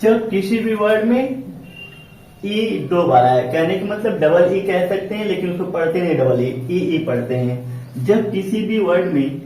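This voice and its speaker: Male classroom teacher, slightly high, mellow tone, repeats himself and stretches words, faint room hum. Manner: repetitive, asks and answers his own questions. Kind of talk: classroom lesson. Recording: echoey classroom from far off.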